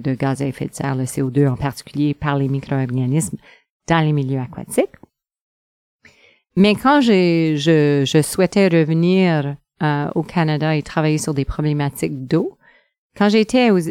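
A middle-aged researcher answers interview questions in a low, smooth, resonant voice. She speaks hesitantly, with frequent pauses and fillers. The sound is close and dry. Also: darkish tone, no echo. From northern Ontario.

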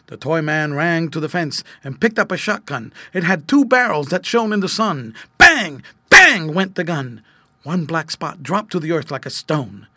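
Man reading a kids storybook, husky and bright, real dry sound. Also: fairly high pitch, moderate pace, no echo. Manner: expressive, lively read-aloud. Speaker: narrator. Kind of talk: scripted storybook narration.

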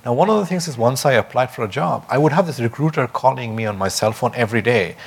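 A man's voice: medium pitch, animated, fast, gravelly, husky. A man with a posh, educated Indian English accent, speaking as an interviewed author in an articulate, discursive way, often rephrasing mid-sentence. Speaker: author and journalist being interviewed. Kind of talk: conversational discussion at a book talk.

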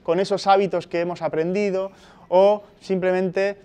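A man's voice: high voice, little pitch movement, moderate pace, a little mellow, clean tone. A man from Spain giving a university lecture, explaining step by step and checking in with frequent tag questions. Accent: Spanish from Spain.

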